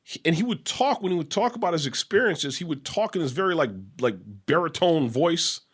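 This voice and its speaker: Animated, profane storytelling man. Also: fairly high pitch, a little fast, slightly rough. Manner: loose, profane storytelling with laughs. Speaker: podcast co-host. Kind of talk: casual chat.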